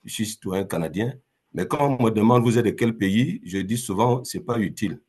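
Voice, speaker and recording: A man's voice: on the low side, normal speed, darkish tone, husky. A man from Gabon speaking off the cuff as a guest on a video call, hesitant and repeating words. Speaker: company founder, Zoom guest. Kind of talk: unprepared remarks on a video call.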